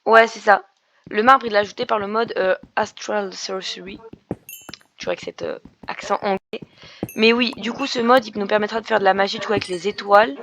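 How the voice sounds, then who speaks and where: A woman's voice: medium pitch, fairly even intonation, fast talker, a bit bright, slight background noise. A young woman commenting on her Minecraft game in a chatty way, explaining as she plays, with many fillers and restarts. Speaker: gaming YouTuber. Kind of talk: Minecraft let's play commentary.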